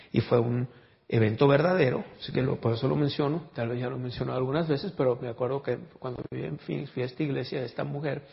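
A man preaching a sermon, moving from hushed storytelling to loud, fervent exclamations. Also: mid-range voice, creaky. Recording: dull lo-fi recording.

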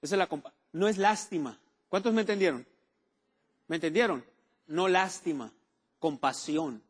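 A man's voice: fairly high pitch, moderate pace, breathy edge. A man preaching a sermon, repeating key words and asking the congregation for amens. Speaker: pastor.

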